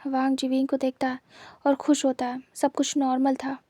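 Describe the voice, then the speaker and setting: A woman's voice: high voice, completely flat delivery, moderate pace, mellow, no echo. A woman with a Hindi accent narrating a fan fiction story, repeating herself for emphasis. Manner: repetitive, emphatic.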